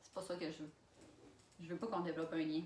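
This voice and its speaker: Alone in a room, a young Québécois-accented woman tells an anecdote for a storytime vlog, animated and laughing, with loud exclamations and a quick pace. Her voice is low-pitched. Recorded on a camera mic at a distance, the sound is roomy.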